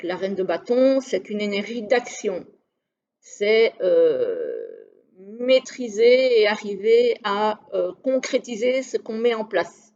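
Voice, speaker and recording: A woman giving a casual monthly tarot reading in a gentle, tentative way, pausing often to collect her thoughts. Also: medium pitch, lo-fi sound. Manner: gentle, tentative, with frequent "voilà" pauses. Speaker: tarot reader.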